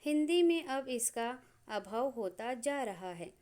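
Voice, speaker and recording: A woman teaches a grammar lesson in a fairly high voice. She goes slowly and deliberately, spelling out each sound in turn with measured pauses. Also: lively intonation, darkish tone. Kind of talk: slow explanatory lesson.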